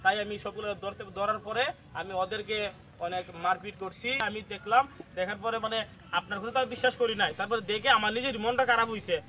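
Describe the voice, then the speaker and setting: An actor playing a hot-tempered village landlord who barks orders, speaking with a Habiganj regional accent. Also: male voice, high voice, steady tone, fast, pushed and bright, a little hiss or hum, low-quality recording. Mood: aggrieved. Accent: Habiganj regional Bengali. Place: village outdoors.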